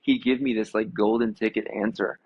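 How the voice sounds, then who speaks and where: Low husky man telling gym stories. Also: fairly quick, dry recording. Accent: American. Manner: animated storyteller who acts out quotes, many fillers. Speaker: gym owner and guest. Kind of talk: casual conversational storytelling. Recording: dull lo-fi sound.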